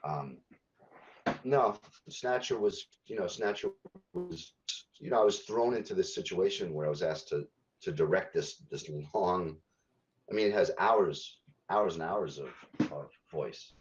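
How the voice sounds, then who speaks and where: A man, a game localization director, answering podcast interview questions haltingly, with many ums and restarts. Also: low-pitched, lively intonation, muffled recording.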